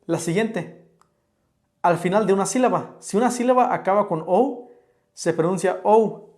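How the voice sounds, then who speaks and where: A man's voice: sits high, normal speed, darkish tone. A man teaching an online English pronunciation lesson, patiently explaining rules step by step with examples.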